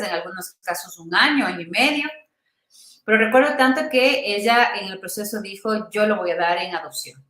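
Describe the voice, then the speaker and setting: A woman's voice: mid-range voice, sharp tone. Earnest woman doctor, roomy echo. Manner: earnest, tender, many pauses and restarts. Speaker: doctor interviewed as guest. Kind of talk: emotional storytelling in an interview.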